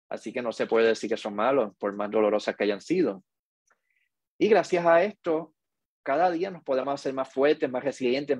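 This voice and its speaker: A middle-aged man, hosting a podcast in a slow, earnest, reflective monologue. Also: medium pitch, darkish tone, breathy edge, dry recording. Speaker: podcast host.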